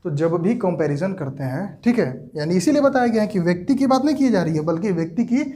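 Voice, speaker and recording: A man with a Jharkhand Hindi accent teaching an English grammar lesson, asking rhetorical questions and answering them himself, stretching words slowly for emphasis. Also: high-pitched, expressive, mellow.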